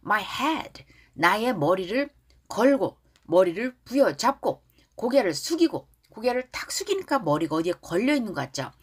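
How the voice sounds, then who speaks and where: A woman's voice: mid-range voice, sing-song, slightly rough. A woman teaching English pronunciation through song lyrics, drawing out each lyric line for her students to repeat and then explaining it. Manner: drawls lyric lines slowly for repetition, then explains quickly.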